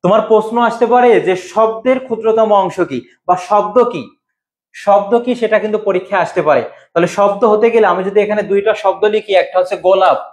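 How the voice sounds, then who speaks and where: High-voiced male Bengali lecturer. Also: fairly quick. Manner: quizzes students, repeats answers, waits for comments. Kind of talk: online exam-prep lesson.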